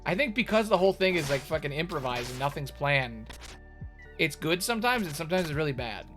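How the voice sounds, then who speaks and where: A man's voice: on the high side, sing-song, fairly quick, fairly bright tone. A man doing casual, sweary, joking commentary as he streams a video game. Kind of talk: casual gaming commentary and chat. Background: music, clearly heard.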